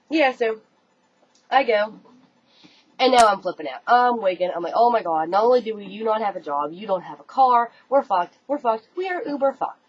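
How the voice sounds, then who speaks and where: A young American woman telling a story to her webcam in an animated, casual way, swearing freely. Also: on the low side. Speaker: vlogger. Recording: dull lo-fi webcam audio, faint room noise.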